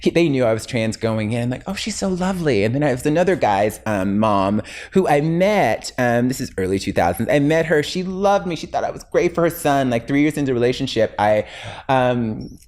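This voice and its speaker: A woman in her fifties, a guest in a casual interview, talking reflectively and telling animated stories in which she acts out the people she quotes. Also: rumbling low, normal speed. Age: 50s.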